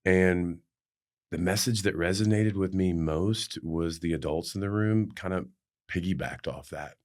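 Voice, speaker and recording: A man with a low-pitched voice and an Appalachian hillbilly accent shares personal stories as a podcast guest. He speaks in a folksy, reflective way, like someone looking back on his own life. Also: measured pace, darkish tone. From West Virginia, United States. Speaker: podcast guest, former pro football player. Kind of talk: personal storytelling in an interview.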